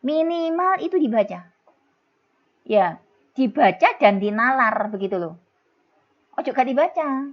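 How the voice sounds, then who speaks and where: A woman's voice: high-pitched, lively intonation, unhurried, long pauses. A middle-aged woman teacher with a Javanese accent, explaining exam material in a chatty, teasing way and calling her students kids. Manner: chatty, scolding-playful, calls students "kids". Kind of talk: exam-prep lesson. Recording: dull lo-fi recording.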